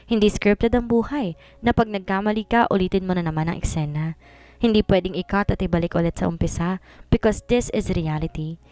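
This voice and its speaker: A frank young female cousin giving firm, lecturing advice, as a woman narrator puts her on. Her voice is smooth and clear, recorded close and dry. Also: mid-range voice, brisk, a little mellow, no echo, close to an everyday voice.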